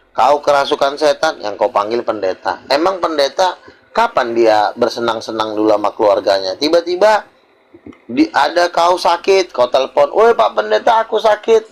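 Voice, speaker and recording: A man, a preacher lecturing bluntly in a heated group discussion. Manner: blunt, lecturing, interrupts often; mimics others in higher voice. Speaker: pastor in online debate.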